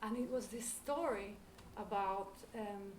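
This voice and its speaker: A lecturer with an Israeli accent, originally a Hebrew speaker, answers questions from the audience slowly and reflectively, searching for the right words. Her pitch is medium. The recording has the echo of a roomy lecture hall, a distant mic and background noise.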